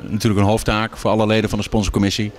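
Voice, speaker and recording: Man in his fifties, low voice, matter-of-fact, sponsorship committee member, handheld mic in a café. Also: level tone, very fast. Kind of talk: casual promo interview. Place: small indoor café. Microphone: handheld microphone.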